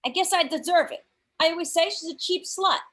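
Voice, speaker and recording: A woman reading a sharp-tongued elderly mother who delivers blunt, deadpan insults in an amateur sitcom table read. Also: extremely high pitch, brisk. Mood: sardonic.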